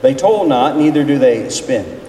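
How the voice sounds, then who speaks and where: Unhurried, with a medium pitch, lively intonation and a dark tone, a man in his forties preaches informally as the pastor leading a seminar. He chats in a folksy way and questions the audience assembled in a large reverberant room. It's a distant, echoey hall recording with noise.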